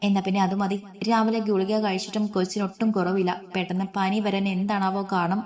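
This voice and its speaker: A woman reading the part of an older grandmother, worried and brisk, scolding as she fusses. She frets in quick bursts over a sick child in this storybook reading. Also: mid-range voice, little pitch movement, a little mellow, close to an everyday voice. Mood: fretful.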